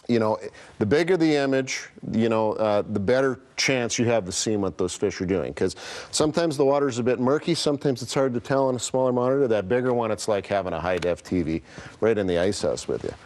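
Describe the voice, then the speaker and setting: A man's voice: lowish voice, a little fast, darkish tone. A man showing fishing gear on a morning TV segment, talking eagerly and rambling a little. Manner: eager, rambling product walkthrough.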